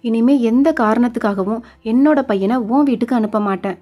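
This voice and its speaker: Bitter jealous wife snapping fast, a bit high, as a lady storyteller puts her on. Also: faint music behind, lightly acted. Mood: angry scolding. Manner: sharp, scolding, quick. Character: angry jealous wife, adult woman.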